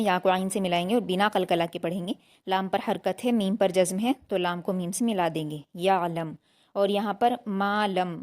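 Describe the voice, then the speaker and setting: A woman teaching recitation step by step, reading each word slowly and repeating it, then explaining it patiently. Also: medium pitch, darkish tone. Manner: slow, drawn-out recitation between plain explanations.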